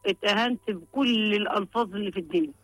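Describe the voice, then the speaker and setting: Seeking advice, an older woman from Upper Egypt, judging by her accent, describes her hardship, pleading and circling back over the same points with emotion. Her pitch is medium, her pace fast, and the recording has no room sound.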